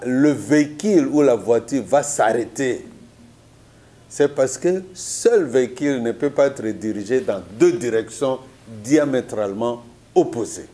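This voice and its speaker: A man's voice: mid-range voice, dark tone. A man from Congo giving an earnest, preacher-like political commentary in an interview, making his points with parables and biblical examples.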